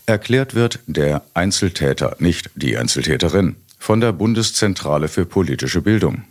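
Very low-voiced male news commentator. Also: animated, moderate pace. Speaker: podcast co-host.

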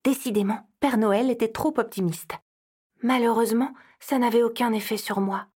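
A woman tells a children's audio story with expressive narration. Her voice sits a little high and has a breathy, airy quality. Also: normal speed. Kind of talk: scripted narration.

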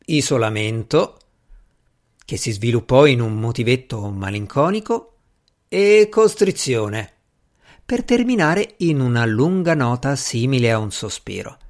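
A man reading an audiobook, telling the story in an expressive way. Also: mid-range voice, moderate pace. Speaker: audiobook narrator. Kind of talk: audiobook narration.

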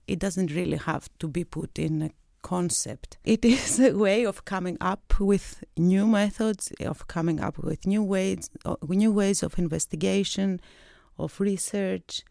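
A Greek woman in her thirties, a research associate and PhD candidate, gives thoughtful interview answers in a recording studio, now and then searching for her words. Her voice is low, gravelly and darkish, with no echo.

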